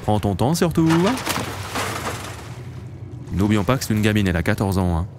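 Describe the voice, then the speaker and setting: A man's voice: lowish voice, very animated, normal speed, noisy background. A man in his late twenties, hosting a let's play and chatting casually to viewers while he plays. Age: late 20s. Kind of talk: casual gameplay commentary.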